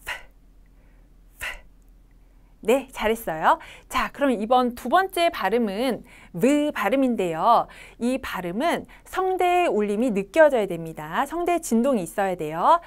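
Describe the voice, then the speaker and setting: A woman with a Korean accent teaching children English pronunciation, slowly coaching them to repeat each sound. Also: a little high. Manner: slow, lively, coaching kids to repeat sounds.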